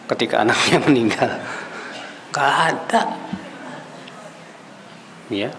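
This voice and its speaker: A man's voice: sits high, fairly bright tone, a little hiss or hum. A man giving a conversational Islamic lecture who asks the audience rhetorical questions, addresses them directly as sir and brother, and recites Arabic phrases before translating them. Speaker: Islamic preacher. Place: Islamic study gathering.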